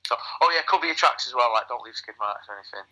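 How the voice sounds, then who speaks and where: Over a speakerphone call, the cold-stricken co-host jokes crudely and rambles through casual conversation. His voice is mid-range, fast and animated, with a bright, forceful edge.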